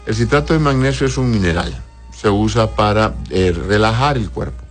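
Man, doctor, low voice; reads listener questions and gives plain advice, with faint music under him. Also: normal speed. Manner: plain advisory tone, tags "¿verdad?". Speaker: doctor answering viewer questions. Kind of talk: reading and answering questions.

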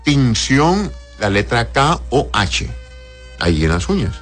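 A man's voice: medium pitch, big pitch swings, slow, faint music behind. A man who is a doctor, reading out viewers' questions and answering them with plain advice, often adding a questioning "right?" at the end. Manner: plain advisory tone, tags "¿verdad?".

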